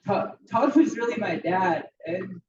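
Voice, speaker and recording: A young adult mourner speaking unscripted about a father figure, halting and emotional while holding back tears. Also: medium pitch. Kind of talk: unscripted eulogy. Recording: echoey hall from far off, dull, noisy.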